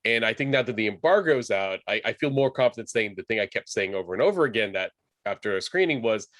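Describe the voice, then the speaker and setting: A man's voice: lowish voice, lively intonation, fast, a bit bright, no echo. A man hosting a casual movie podcast, chatting in a loose, self-deprecating way. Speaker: podcast host. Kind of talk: casual panel chat.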